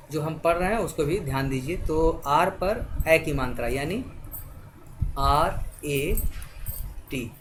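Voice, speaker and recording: A man teaching a spelling lesson, spelling words out letter by letter and often pausing to check that the viewer is following. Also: fairly high pitch. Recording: noisy background hiss.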